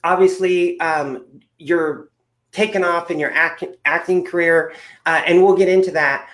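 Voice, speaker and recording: A man's voice: fairly high pitch, fairly even intonation, measured pace, a bit bright. A man hosting an interview show, talking in an upbeat, rambling way with lots of fillers. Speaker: podcast host. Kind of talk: casual interview chat.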